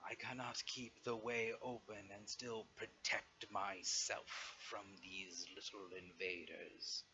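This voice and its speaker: A man voicing an aging, menacing dragon in a tabletop game, with a slow, grave dragon voice. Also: lowish voice, little pitch movement, bright, forceful tone, highs cut off, slight background noise, full character voice. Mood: weary menace. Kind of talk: tabletop game role-play.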